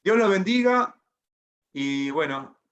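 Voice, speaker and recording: A man lectures his Bible class over a video call, his voice sitting a little high for a man. He talks like a preacher and keeps checking that his students agree. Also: expressive, slow pace, fairly bright tone, muffled recording. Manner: preacherly, asks the class for assent. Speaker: Bible institute teacher.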